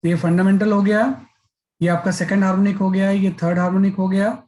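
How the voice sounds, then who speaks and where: Physics teacher explaining step by step. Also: male voice, high voice, flat delivery, a little fast, darkish tone, a little hiss or hum, rough recording. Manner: explains step by step, repeats filler "है ना". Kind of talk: classroom lecture.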